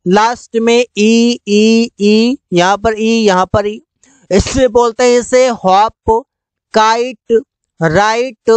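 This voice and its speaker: A teacher explaining English silent-letter rules in Hindi, slowly repeating each rule and example word. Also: medium pitch, clear, resonant tone, no room sound.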